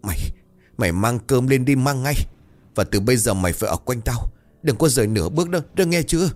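A man's voice: mid-range voice, animated, a little fast, darkish tone, voice pushed up, natural voice. A man voicing a terrified old male landlord who stammers and barks orders. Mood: commanding.

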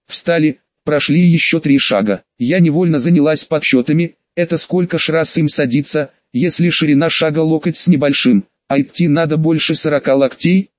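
A man reading a fantasy audiobook aloud in a steady, measured storytelling voice. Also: fairly high pitch, dry recording, muffled recording. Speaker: audiobook reader. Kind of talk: audiobook narration.

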